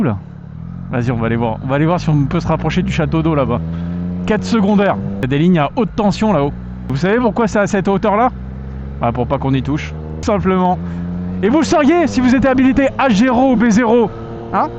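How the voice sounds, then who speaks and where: A man's voice: fairly high pitch, lively intonation, brisk. A young man, a moto vlogger, riding outdoors and chatting casually to himself, slangy, joking and swearing a lot. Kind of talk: casual vlog commentary while riding. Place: outdoors on a motorbike in traffic. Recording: muffled helmet mic with loud wind and traffic noise.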